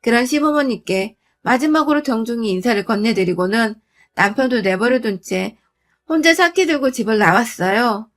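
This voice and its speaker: A woman's voice: a little high, expressive, moderate pace. A woman narrating her own marriage story in the first person, in a blunt, indignant, colloquial way.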